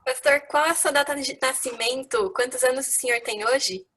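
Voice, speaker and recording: A woman's voice: sits high, normal speed, fairly bright tone, husky. A woman interviewer asking polite, formal questions.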